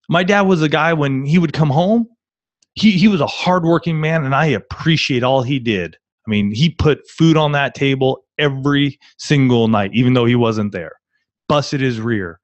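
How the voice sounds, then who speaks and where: A man's voice: on the high side, moderate pace, no room sound, highs cut off. Earnest man telling a story on a call. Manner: earnest, storytelling, repeats words. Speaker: marriage coaching co-host. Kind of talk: live online coaching session.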